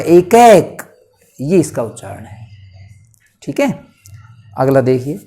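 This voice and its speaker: A man with a north Indian Hindi accent teaching a grammar lesson at a board. He asks questions and answers them himself, and he stretches words out slowly to show how they are said. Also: a little high, warm tone.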